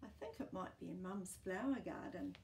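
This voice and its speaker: A woman in her sixties with a New Zealand accent hosts storytime, reading a picture book expressively to young children and adding chatty asides and questions. Her lowish voice has lively intonation, vocal fry, and a slightly mellow quality at a moderate pace. The setting is a small indoor room full of books, with slight background noise.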